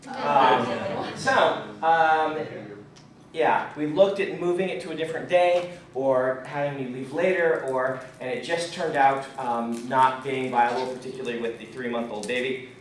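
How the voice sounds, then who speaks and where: A man's voice: medium pitch, a little slow. Man lecturing in an echoey hall. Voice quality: slightly muffled by a throat lozenge. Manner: casual, chatty, many ums and restarts. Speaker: writing teacher. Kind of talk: informal lecture at a fan convention. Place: convention room, in front of an audience. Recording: echoey hall, far from the mic.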